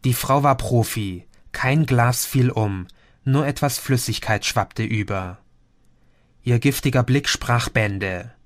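In studio-quality audio with no room sound, a man with a mid-range voice reads a science fiction audiobook as its narrator. His scripted storytelling is calm and measured.

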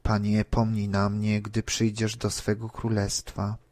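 Repentant thief, grown man, earnest and pleading, read by a man, slow and low. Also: completely flat delivery, a little mellow, close to an everyday voice. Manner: pleading, rebuking.

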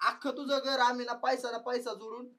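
A woman's voice: fairly high pitch, little pitch movement, brisk, fairly bright tone. A woman in a comedy sketch who talks emphatically and pleads with a friend.

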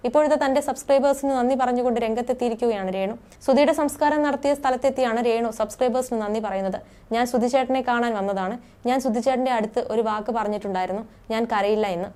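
A young woman narrates a scripted news segment at a rapid clip. Her voice sits a little high, and her reading stays brisk and even from line to line.

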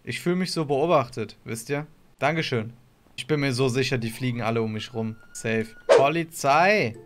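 A man's voice: mid-range voice, a little fast. A man streaming a roleplay game, pushy and cheeky as he mocks the other players. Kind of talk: gaming roleplay chat over voice chat.

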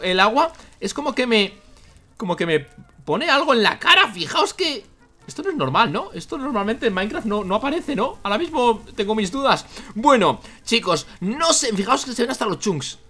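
A man from Spain with a Spanish accent and a sore throat, giving excitable Minecraft let's play commentary, often exclaiming and repeating himself. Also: extremely high pitch. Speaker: gaming youtuber.

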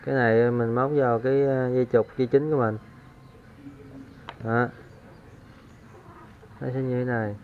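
A man's voice: mid-range voice, normal speed, long pauses, phone-quality sound, a little hiss or hum. A man hosts a fishing channel and gives a casual hands-on tutorial, counting aloud as he works. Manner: relaxed, counting aloud while working.

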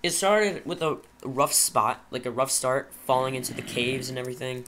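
A man's voice: medium pitch, moderate pace, background noise. Jittery young man rambling through a game. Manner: jittery, rambling, talks to himself. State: nervous, shaky. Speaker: gaming channel host. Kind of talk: Minecraft commentary.

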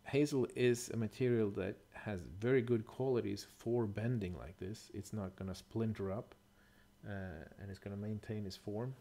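Middle-aged guy doing a chill explainer voice-over, kinda warm and dark sounding, thinks out loud with lots of uhs. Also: fairly low pitch, steady tone, normal speed. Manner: thoughtful, hesitant, with fillers and self-corrections. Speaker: bushcraft presenter. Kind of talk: casual explanatory voice-over over slides.

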